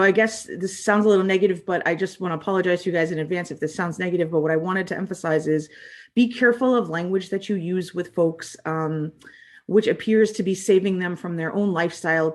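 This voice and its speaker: A woman born in the United States, a refugee services trainer, giving a training talk in an earnest, conversational way with many fillers. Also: on the low side.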